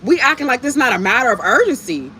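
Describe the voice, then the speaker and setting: A woman's voice: high voice, big pitch swings, quick pace, sharp tone. A woman chatting casually to her livestream viewers while eating, speaking bluntly in emphatic, repetitive, profane slang. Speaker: livestream host talking to viewers. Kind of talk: casual, impassioned monologue to viewers. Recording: clear background noise.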